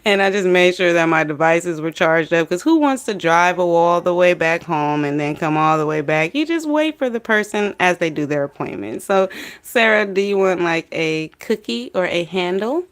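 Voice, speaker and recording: A woman's voice: lowish voice, lively intonation, normal speed. A woman hosting a livestream, gossiping and giving opinions while commenting on a trial. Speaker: livestream host.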